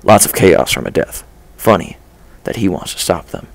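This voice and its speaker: A man reads a dark first-person story aloud. His low voice has a gravelly edge, and he narrates in a measured, low-key way. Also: lively intonation. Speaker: story reader.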